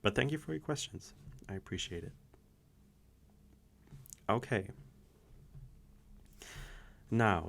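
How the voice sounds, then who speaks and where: An audio creator works through viewer questions in a casual Q&A monologue, rambling and hesitant and restarting often. He has a low-pitched, creaky voice.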